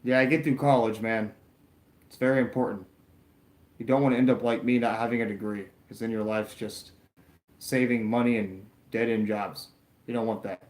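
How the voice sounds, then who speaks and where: A man's voice: lowish voice, fairly even intonation, normal speed, a little mellow, roomy sound. A man in his late twenties, chatting casually and rambling to viewers while watching a wrestling show live, answering chat and poking fun at himself. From Florida. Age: 20s. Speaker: YouTuber streaming a wrestling watch-along.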